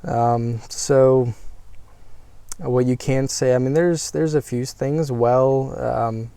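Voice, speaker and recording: A man's voice: medium pitch, fairly even intonation, takes it slowly, creaky, warm tone, clear, resonant tone, no room sound. An American man chatting casually as a guest, hesitant, with many ums and restarts. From United States. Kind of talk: casual conversation.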